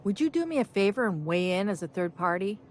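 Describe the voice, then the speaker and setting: A woman's voice: medium pitch, very animated, fast talker, a little mellow, slight background noise, natural voice. An actress playing a firm, weary woman bar owner keeping peace in a video game. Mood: earnest.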